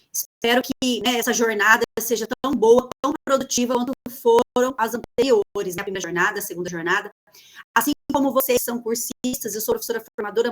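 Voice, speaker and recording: Brazilian course facilitator, bright-pitched, friendly host on a call. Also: female voice, rough recording. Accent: Brazilian Portuguese. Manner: warm welcoming, many tag questions. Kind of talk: hosting online class.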